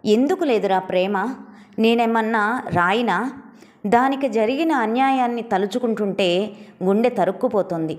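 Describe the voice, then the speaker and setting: A woman reading the lines of a proud middle-aged mother, stern and sharp with her son yet grieving, in a storybook. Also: on the high side, normal speed, pauses often, lightly acted. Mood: sorrowful. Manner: stern, sharp, turning tearful.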